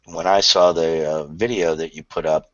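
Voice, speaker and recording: A man's voice: very deep voice, steady tone, normal speed, a bit bright, no room sound. An older man speaking over a headset on an online call, hesitant with many fillers, his audio glitching and cutting out. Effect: corrupted glitchy call audio that cuts out. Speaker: co-host on a call. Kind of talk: casual chat. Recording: dull lo-fi dry call audio.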